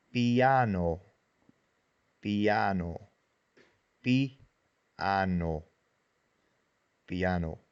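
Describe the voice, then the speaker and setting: A man with a lowish voice delivers a scripted language lesson at a very slow, deliberate pace. He says each vocabulary word several times over before explaining it. The recording sounds dull and lo-fi. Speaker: language teacher.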